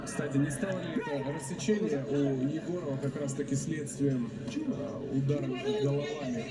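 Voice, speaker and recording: A man's voice: a little high, fairly even intonation, moderate pace, over loud music. A man giving live boxing commentary, calling the action and adding analytical, slightly hesitant asides. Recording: roomy, distant, very loud crowd noise. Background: loud arena crowd.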